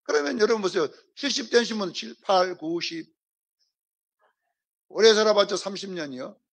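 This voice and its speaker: A man's voice: high-pitched, normal speed, vocal fry. A male pastor preaching a sermon in church, emphatic, firing rhetorical questions and prompting the congregation. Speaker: senior pastor. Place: church service.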